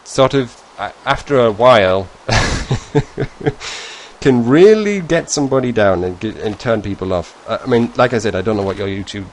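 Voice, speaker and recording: A British YouTuber with a lowish voice talks his way through viewer questions. He rambles and restarts, often poking fun at himself. A faint hum of ambience sits under his talk. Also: animated, unhurried, rough recording. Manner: rambling, self-deprecating, chatty. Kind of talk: casual Q&A vlog.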